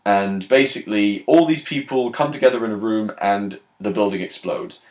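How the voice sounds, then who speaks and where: A man's voice: fairly low pitch, normal speed. A man giving a blunt, profane, ranting film review in a casual vlog.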